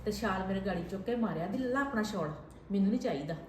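A woman's voice: mid-range voice, animated, rapid-fire, echoey room, music in the background, close to an everyday voice. A woman playing a wife in a family drama, complaining and hurt. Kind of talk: scripted village family drama.

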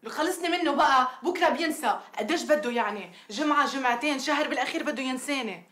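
A woman's voice: sits high, quick pace, a little hiss or hum. An actress playing a defiant young woman who has just married, speaking. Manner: defiant, then soft and whispery on the phone. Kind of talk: TV drama acting.

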